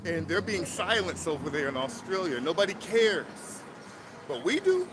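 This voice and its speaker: A man hosting a casual live stream, reading out viewer comments in a slangy, animated way that swings between loud outbursts and low mutters. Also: moderate pace. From United States. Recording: loud outdoor street and traffic noise.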